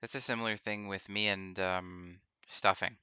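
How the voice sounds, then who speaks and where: Hesitant man with a smooth bright voice. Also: deep voice, steady tone, normal speed, dry recording. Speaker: player. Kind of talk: casual chat at a game table.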